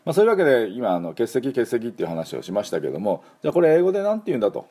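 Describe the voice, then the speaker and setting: A middle-aged man hosting a relaxed, chatty English lesson, filling his talk with asides and leading repeat-after-me pronunciation drills. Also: medium pitch, very fast. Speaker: English teacher and show host. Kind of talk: casual spoken English lesson.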